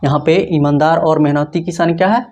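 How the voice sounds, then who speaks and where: A teacher at mid pitch walks through grammar rules in a lecture. He poses a question to the class and answers it himself. He repeats each point slowly so it sinks in. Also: steady tone, darkish tone. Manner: asks rhetorical questions and answers them himself. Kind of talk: Hindi-language grammar lecture.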